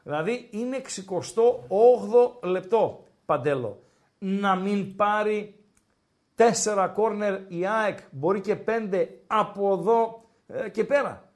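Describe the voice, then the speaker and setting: High-pitched man, casual host, teasing, drawn-out pauses, live betting chat. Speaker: podcast host and betting tipster.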